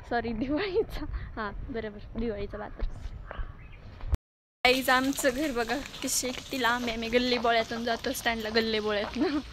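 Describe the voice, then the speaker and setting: A young woman chatting to her phone camera outdoors on a vlog, talkative and teasing, laughing often. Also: high-pitched. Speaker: vlogger. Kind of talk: casual vlog chat to camera. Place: outdoors on village lanes and at a bus stand. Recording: noisy outdoor phone recording. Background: loud street noise.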